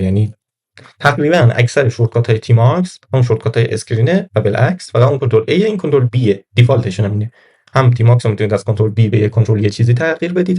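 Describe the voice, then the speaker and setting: A man's voice: medium pitch, a little mellow, husky. A man giving a casual screen-recorded Linux tutorial, thinking aloud and correcting himself as he goes. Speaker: Linux course instructor.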